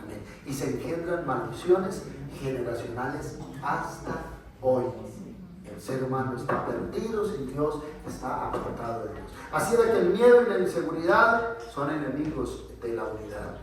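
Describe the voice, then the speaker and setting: A man's voice: medium pitch, sing-song, moderate pace, a little hiss or hum. A man with a Colombian accent preaching a Sunday sermon, punctuating it with frequent amens and questions to the congregation. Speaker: pastor. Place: church. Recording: echoey church hall, mic far off.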